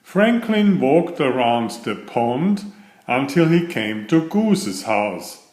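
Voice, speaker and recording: A man reads a children's picture book aloud at an unhurried pace. His pitch moves around a great deal as he narrates. The recording has a noticeable room echo. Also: very animated, darkish tone. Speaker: storyteller and children's author. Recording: roomy echo.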